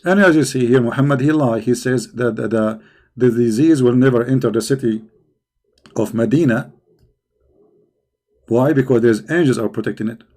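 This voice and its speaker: Hosting a religious debate stream, this man mocks and combats the viewers whose questions he answers. His mid-range, darkish voice keeps a normal pace broken by long pauses, and he repeats words while finding his phrasing.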